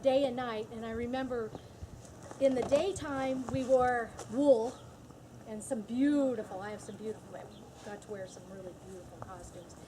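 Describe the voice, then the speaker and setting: A woman's voice: a little high, background noise. A woman who worked as a film extra, fondly remembering her days on set with frequent laughs as a convention panel guest. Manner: nostalgic, laughing, slow and thoughtful.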